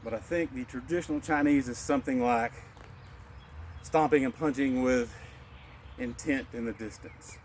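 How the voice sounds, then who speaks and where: A man teaching a martial arts qigong lesson, calmly cueing each breath and movement. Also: medium pitch, moderate pace, pauses often, slight background noise. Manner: calm, instructive, cueing breaths. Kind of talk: guided qigong class.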